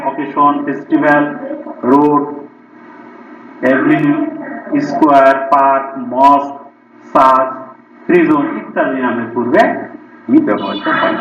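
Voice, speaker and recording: A male English teacher with a Bengali accent giving a classroom grammar lesson, listing example words and slowing down for English sentences. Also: medium pitch. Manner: reads word lists, slows right down for English sentences. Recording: distant, roomy, dull lo-fi recording.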